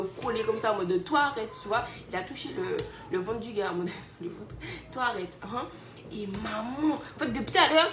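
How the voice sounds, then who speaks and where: A woman's voice: a little high, noisy background. A young woman from Guadeloupe, a mother animatedly telling a friend a story over a phone video call, laughing often and checking "you see?". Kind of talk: casual storytelling chat. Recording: roomy echo in a home room.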